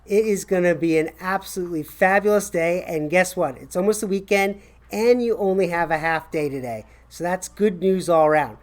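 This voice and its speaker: A man's voice: high-pitched, moderate pace. A middle-aged American man hosts casual morning announcements for a school. He is upbeat, chatty and encouraging, speaking to a camera in a classroom. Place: small classroom, indoors.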